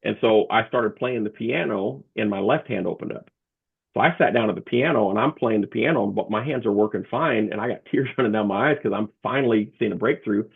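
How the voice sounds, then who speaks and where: A man talking as an interview guest, a comedian and motivational speaker, telling his story in a halting way with many restarts over a remote call. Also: lowish voice, gravelly, breathy edge. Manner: halting, with frequent restarts and fillers. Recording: tinny phone-like remote line.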